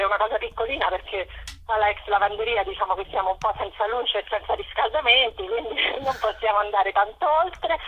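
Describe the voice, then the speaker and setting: Over the telephone, a woman with a slightly rough, mid-range voice joins a radio interview as a guest. She informally presents a programme she organised, and the line sounds muffled and lo-fi.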